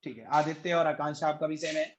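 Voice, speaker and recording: High-voiced man teaching chemistry online. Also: fairly even intonation, fast talker. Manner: patient, explaining in Hindi mixed with English; questions students by name. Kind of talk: online class lecture.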